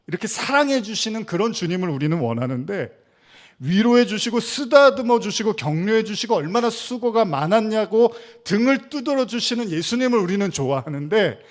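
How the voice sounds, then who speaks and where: A Korean pastor preaching a sermon in an animated way, asking rhetorical questions and acting out quoted lines. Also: male voice, high-pitched.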